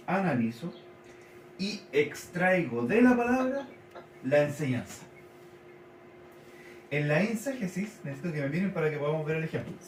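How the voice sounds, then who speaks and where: A man teaching a sermon to his congregation, slowly repeating and spelling out key words. He is recorded in a church hall. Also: a little high, slight background noise. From Chile. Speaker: pastor. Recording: echoey church hall, mic at a distance.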